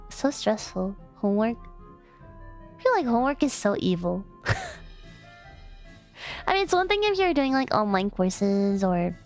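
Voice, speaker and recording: With faint music behind her, a young woman streaming casually rambles and giggles, using many fillers and restarts while teasing her chat affectionately. Her voice is a little high and a little mellow.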